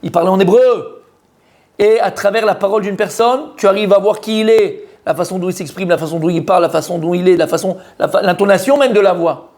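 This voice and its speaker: A man's voice: high voice, fairly quick, darkish tone. A man, a rabbi, giving an informal Torah lesson to a live group, talking straight to his listeners and repeating key words with many fillers. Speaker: rabbi teaching a Torah class.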